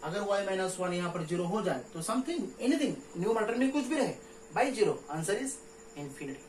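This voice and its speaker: A man gives a recorded maths lesson in an echoey room, with faint ambient noise behind him. He walks through each step and keeps checking understanding with rhetorical questions. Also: sits high. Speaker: maths teacher. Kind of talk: recorded classroom lecture.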